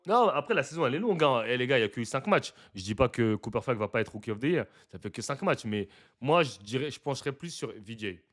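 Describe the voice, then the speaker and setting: A young man giving casual live reaction commentary to basketball footage, slangy and chatty, breaking into loud excited exclamations. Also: mid-range voice, fast.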